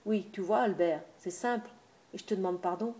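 A woman's voice: mid-range voice, moderate pace, dark tone, lightly acted. A woman voicing a talkative older countrywoman, an innkeeper's wife with homely familiar speech. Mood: chatty.

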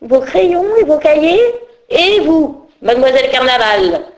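A woman's voice: high voice, lively intonation, a little slow, darkish tone, voice pushed up. A woman voicing a strict old fairy schoolmistress with a sour, piercing voice who scolds and barks orders in a storybook reading. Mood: scolding.

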